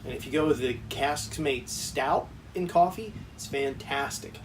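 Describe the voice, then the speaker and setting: A man's voice: mid-range voice, a little slow. A man co-hosting a casual whiskey review, full of jokes and rambling asides. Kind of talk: casual joking chat. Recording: distant mic, noisy room.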